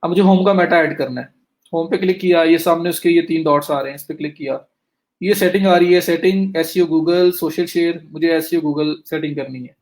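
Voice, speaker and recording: Fast-talking man teaching a screen-share lesson. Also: fairly high pitch, fairly even intonation. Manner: talks students through clicks step by step, addresses them directly; says he is talking fast to cover more. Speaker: digital marketing instructor. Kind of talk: live screen-share lecture.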